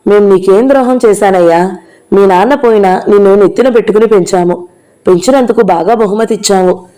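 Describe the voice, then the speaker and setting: A woman's voice: medium pitch, a little fast, warm tone, natural voice, poor audio. A woman reading the part of an angry, grieving middle-aged mother who lashes out bitterly through tears, in an audio novel. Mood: bitter, accusing. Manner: bitter, accusing, tearful.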